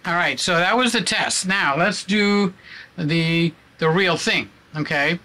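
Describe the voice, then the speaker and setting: A man's voice: high voice, slow pace, pushed and bright. A man vlogging at home, chatting with many fillers as he sets up his camera on a tripod in a room he uses as a studio. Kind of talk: casual vlog talk.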